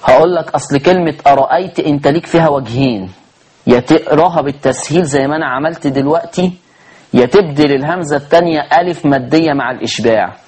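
Egyptian man, high voice, tajweed teacher who quizzes his students with rhetorical questions and chants verses slowly. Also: darkish tone, breathy edge. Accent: Egyptian Arabic. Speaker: Quran recitation teacher. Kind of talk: tajweed lesson.

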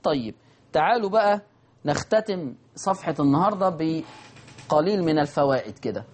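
A man with an Egyptian Arabic accent teaching Quran recitation rules, answering imagined student questions and chanting verses slowly. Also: a little high, animated. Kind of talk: televised recitation lesson.

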